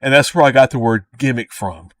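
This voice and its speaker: A man's voice: medium pitch, a little fast, no room sound. A man in his thirties with a Cajun accent, rambling through casual, profane commentary with frequent laughing asides. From Louisiana. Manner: laughing asides, swears often, repeats himself. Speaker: creator reacting to his own old video. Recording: dry voice, a bit far from the mic.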